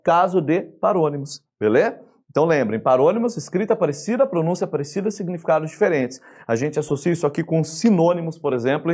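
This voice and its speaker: Husky-voiced Brazilian man teaching grammar. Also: on the high side. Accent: Brazilian Portuguese. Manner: lively, chatty, asks the class questions. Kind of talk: online grammar lesson.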